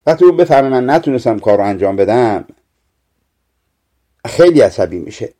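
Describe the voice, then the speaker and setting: A man's voice: mid-range voice, very animated, dark tone. A man reading aloud, voicing a frightened young girl who speaks timidly and worriedly.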